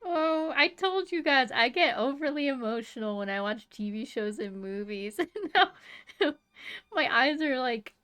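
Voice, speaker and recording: A woman's voice: sits high, expressive, unhurried, a bit bright, clean tone. A woman streamer reacting to a show, emotional and exclamatory, apologizing between outbursts. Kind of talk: live reaction commentary.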